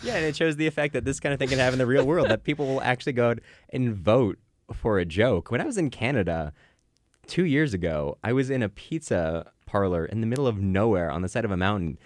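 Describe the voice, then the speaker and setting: A man's voice: medium pitch, lively intonation, fast, no room sound, clean studio sound. A young man co-hosting a casual chat, rambling with many fillers and restarts. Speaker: podcast co-host.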